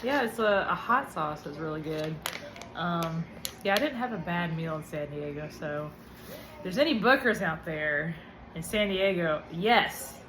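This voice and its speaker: A woman's voice: on the low side, expressive, unhurried, noisy background. A woman vlogging in an informal, rambling way, thinking aloud as she chats to the camera between bites of food. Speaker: vlogger, wrestler answering fan questions. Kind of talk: casual chat to camera while eating.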